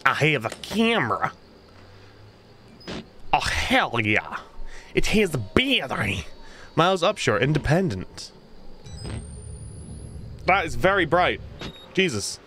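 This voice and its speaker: Streamer, man, fairly high voice, animated and jokey, faint noise underneath. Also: measured pace, long pauses. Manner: joking, reads chat aloud, playful silly voices. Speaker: gaming streamer. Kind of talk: casual let's-play commentary.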